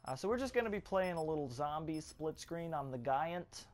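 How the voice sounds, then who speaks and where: A man's voice: fairly high pitch, animated, normal speed, a little hiss or hum. A young man hosting a gaming channel, chatting casually in a rambling, joking way with lots of ums and uhs.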